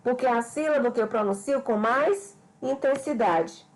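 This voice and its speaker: A woman's voice: fairly high pitch, low-quality recording. A woman teacher from Brazil giving a remote grammar lesson, explaining patiently and speaking to her students directly. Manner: slow, explanatory, addresses students as "pessoal".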